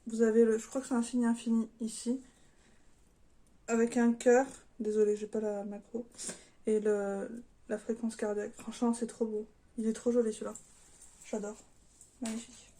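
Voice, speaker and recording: Chatty French woman, slightly high voice. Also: flat delivery, moderate pace, pauses often, dark tone. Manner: chatty, hesitant with many fillers, self-deprecating. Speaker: vlogger. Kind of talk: casual unboxing vlog.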